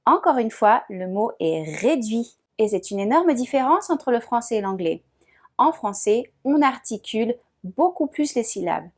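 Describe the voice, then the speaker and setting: A woman teacher narrates a scripted pronunciation lesson in a fairly high voice. She speaks slowly and deliberately, with every word clearly shaped. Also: animated. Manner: clear, deliberate, slows down to model words.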